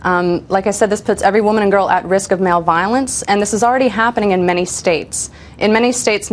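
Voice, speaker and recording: A woman answering an interviewer's questions in a firm, measured voice. Her pitch sits in a middle range, with an occasional filler word. A faint rumble can be heard underneath. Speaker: interview guest, women's advocate.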